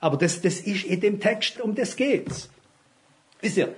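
A man's voice: high voice, expressive, a little slow. A man preaching at a Bible study, telling stories from his own life and speaking straight to his listeners. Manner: earnest, anecdotal, addresses listeners directly. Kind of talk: sermon.

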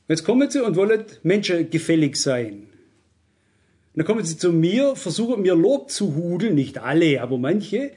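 A man's voice: a little high, a little mellow. A middle-aged man preaching a sermon, emphatic and turning to his listeners with rhetorical questions.

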